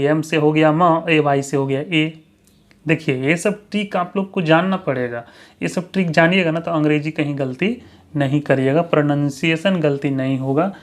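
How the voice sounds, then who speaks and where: A man teaching English pronunciation rules in a spoken lesson, drawing out and repeating each example. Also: fairly high pitch.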